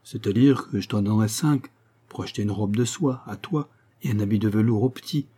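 A man's voice: lowish voice, brisk, dark tone, slightly rough. A man reading an audiobook plays a boastful, penniless gambler who speaks pompously and sententiously.

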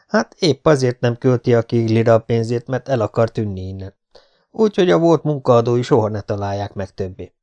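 A man voicing a laconic, tough adventurer in an audiobook, keeping close to his own dark voice. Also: mid-range voice, dull audio, close to an everyday voice. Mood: terse. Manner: terse, matter-of-fact.

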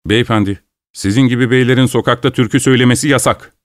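A man's voice: medium pitch, steady tone, fast, no echo, clean studio sound, natural voice. A man voicing a formal, reproving male policeman in a storybook reading. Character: stern polite male policeman.

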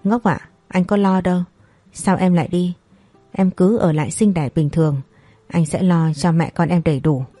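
Troubled married guy, plain and reassuring, low dark tone, a lady narrator doing him. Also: normal speed, dry recording, soft background music, lightly acted. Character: troubled married man, torn and soothing.

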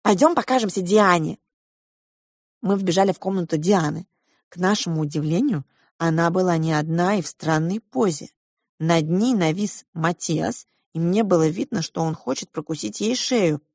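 A woman narrating a children's storybook in a lively, expressive way. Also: fairly low pitch, normal speed, no echo, studio quality.

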